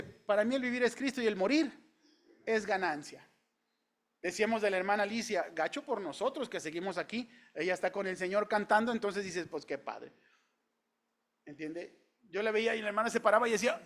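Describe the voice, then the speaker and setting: A man preaching a sermon in a church, talking conversationally and asking the congregation questions. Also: sits high. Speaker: pastor.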